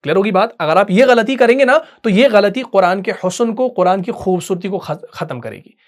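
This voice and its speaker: High-voiced man teaching Quran recitation. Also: animated, brisk. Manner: patient explaining, checks understanding often. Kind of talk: online tajweed class.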